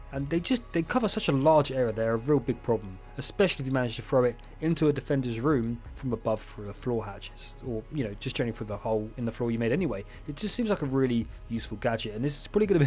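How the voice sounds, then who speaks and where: A man's voice: medium pitch, a little mellow. A young man hosting a gaming channel, running through a game update in a casual voice-over with joking, self-mocking asides.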